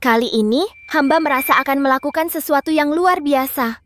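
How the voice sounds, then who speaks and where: An actress dubbing a young empress in a historical drama, speaking in a wry, thoughtful way. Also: female voice, high voice, brisk, a bit bright, a little hiss or hum. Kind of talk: Indonesian drama dub.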